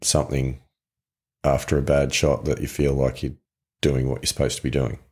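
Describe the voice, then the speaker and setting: A man's voice: rumbling low, level tone, moderate pace, darkish tone. A man co-hosting a casual podcast, chatty and rambling through examples and questions. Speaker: co-host.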